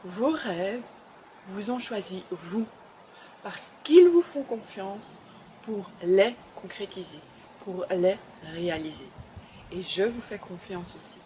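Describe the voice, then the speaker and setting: A woman's voice: medium pitch, expressive, slow pace, warm tone, slight background noise. A woman hosting her web show, speaking to camera in an encouraging, emphatic way and often repeating phrases. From Belgium. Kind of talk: motivational address to camera.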